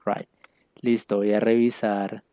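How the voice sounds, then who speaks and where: A man's voice: lowish voice, level tone, slow, dark tone, dry recording, studio quality. A man teaching an English class online, explaining patiently with many fillers.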